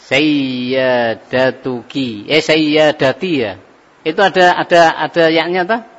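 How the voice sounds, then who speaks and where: A man teaching an Arabic grammar lesson to a class, drawing out each phrase slowly as he drills it. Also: fairly high pitch, fairly bright tone. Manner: slow, drawn-out drilling of phrases. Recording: dull lo-fi recording with long reverb.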